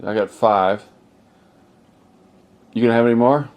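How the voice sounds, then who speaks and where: A man's voice: medium pitch, a little slow, darkish tone. An older man chatting casually at home with a dry, joking manner. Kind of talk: casual chat. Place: home living room.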